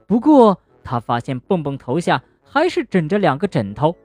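A woman narrating a children's bedtime story gently and expressively, speaking to a young listener. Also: low-pitched, big pitch swings, normal speed, no room sound, faint music behind.

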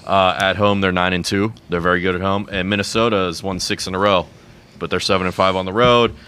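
Low-pitched man analyzing betting picks. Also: steady tone, bright, forceful tone, a little hiss or hum. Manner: measured, explains picks with records and statistics. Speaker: sports betting show panelist. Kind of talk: casual sports analysis.

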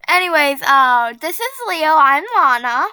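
A woman hosting a casual podcast and reading a spooky story aloud. She is chatty and excitable, and she often breaks into giggles. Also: high-pitched, measured pace, dry recording. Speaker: podcast host.

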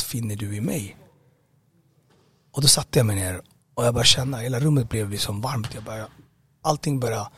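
A man's voice: medium pitch, a bit bright, husky, no room sound. A man giving a personal testimony in an interview, speaking hesitantly with many fillers and restarts. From Sweden. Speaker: interview guest.

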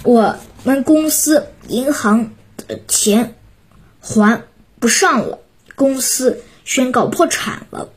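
A woman voicing a sad, worried father in a children's story, speaking slowly with hesitant fillers. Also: high voice, breathy edge, full character voice. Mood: glum. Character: stern man, a worried father.

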